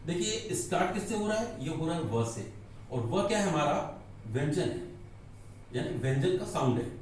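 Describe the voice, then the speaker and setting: In a classroom lecture delivered in Hindi, a man teaches English grammar, posing questions and then answering them himself. His voice sits a little high and is slightly mellow, with lively intonation and a moderate pace. The recording has a faint hiss or hum and was made with a distant mic in an echoey room.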